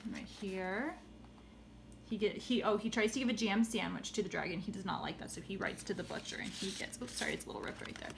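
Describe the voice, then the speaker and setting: A woman's voice: mid-range voice, fast talker, vocal fry, a little hiss or hum. A young woman showing children's books in a casual way, chatty, and playfully reading lines aloud. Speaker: children's book seller. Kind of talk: casual book showcase. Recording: roomy echo.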